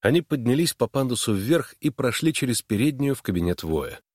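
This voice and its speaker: A man narrating a novel in an even, steady audiobook reading. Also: medium pitch, fairly quick, dry recording, clean studio sound. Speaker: audiobook reader. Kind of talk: scripted narration.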